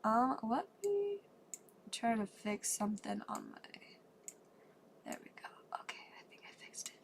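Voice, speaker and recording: While opening trading cards on a live stream, a congested woman whose voice hasn't fully recovered chats in an upbeat, rambling way. Her slightly high, creaky voice is very animated but a little slow, with slight background noise.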